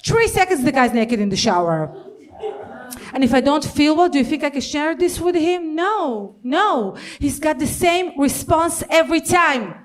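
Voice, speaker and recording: A woman's voice: high-pitched, expressive, moderate pace. A middle-aged woman performing a stand-up comedy set on a club stage, brash and crude, acting out quotes.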